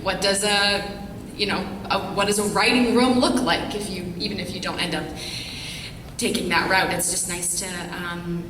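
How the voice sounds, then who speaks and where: A woman's voice: mid-range voice, steady tone, normal speed. Casting: rambling woman, panel guest, echoey room, background noise. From Canada. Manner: chatty, rambling. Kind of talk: panel answer. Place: large convention hall. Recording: echoey hall, distant mic, noisy.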